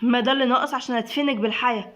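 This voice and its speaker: A woman's voice: on the high side, fairly even intonation, very fast, fairly bright tone, natural voice. A woman doing a jealous, hot-headed young man. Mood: angry. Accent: Egyptian.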